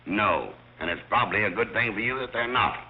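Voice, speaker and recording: A man's voice: on the low side, animated, brisk. A middle-aged man acting an exasperated wealthy father in 1930s screwball comedy film banter. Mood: stern, exasperated. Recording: muffled 1930s film soundtrack with hiss.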